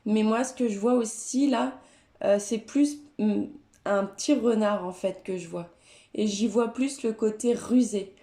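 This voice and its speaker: Slow, gentle French woman reading cards. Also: medium pitch, reverberant. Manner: gentle, hesitant, many fillers. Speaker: tarot and oracle card reader. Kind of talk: spiritual card reading guidance.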